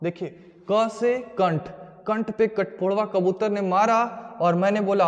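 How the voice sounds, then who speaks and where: A high-pitched male tutor gives an exam-coaching lesson. He talks emphatically, repeats key points and quizzes his students as he goes. His voice rings out in a room with a long echo. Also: unhurried, lo-fi sound. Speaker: Hindi grammar teacher.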